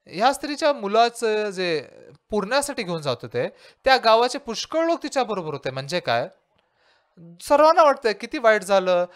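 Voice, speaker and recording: A man's voice: high voice, smooth. A male pastor preaching a sermon and asking his listeners rhetorical questions.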